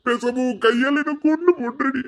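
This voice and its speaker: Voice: high voice, fairly even intonation, normal speed. A performer voicing a remorseful young village husband in a cartoon, pleading and self-blaming, with a Madurai Tamil accent. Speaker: cartoon character. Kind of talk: emotional cartoon drama dialogue. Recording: dull lo-fi sound.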